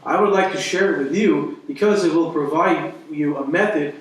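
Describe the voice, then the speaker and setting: A man with a fairly high voice reads a text aloud as a study group participant. He is far from the mic, in a room with heavy echo. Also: moderate pace. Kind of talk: reading aloud. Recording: very echoey room, distant mic.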